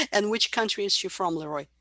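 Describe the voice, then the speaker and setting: Gravelly-voiced woman lecturing on psychology. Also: low-pitched, a bit bright, no room sound. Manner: explanatory, imitates baby babbling sounds. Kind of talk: university lecture.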